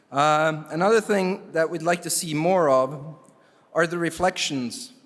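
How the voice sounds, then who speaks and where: A Canadian man chairing the jury presents awards from a conference stage in a ceremony speech full of asides. His voice is slightly high and wry, his manner relaxed but halting with fillers, and the stage mic sends it into a long, echoing hall reverb.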